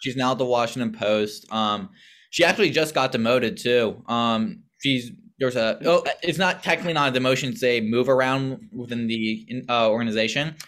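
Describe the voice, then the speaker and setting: A man's voice: medium pitch, moderate pace, a bit bright. A young man co-hosting a casual podcast, explaining things in a wry way with sarcastic asides. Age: young adult. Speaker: podcast co-host.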